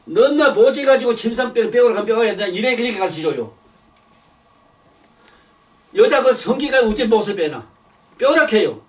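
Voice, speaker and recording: An older man preaches, his voice pitched high for a man. He rants bluntly, cursing and circling back over the same words. He sounds set back from the microphone. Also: expressive, moderate pace, pauses often, distant mic. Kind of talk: sermon.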